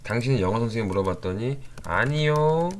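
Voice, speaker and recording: A man teaches English grammar to his online learners, reading each example sentence aloud and then explaining it. His pitch moves up and down a lot, and he keeps asking whether they follow. Keyboard typing can be heard behind him. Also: a little slow. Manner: lively, with many rising questions to the learners.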